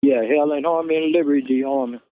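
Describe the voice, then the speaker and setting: A man in his sixties speaks over a prison payphone call. The line is thin and phone-like, and the dry sound has no room around it. His voice sits a bit high for a man, and he talks plainly, repeating a word as he gets going. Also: steady tone, fairly quick, no echo. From Kansas City, Missouri. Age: 60s. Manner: plain-spoken, repeats words as he starts, says "man" often. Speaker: incarcerated interviewee. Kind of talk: casual phone interview.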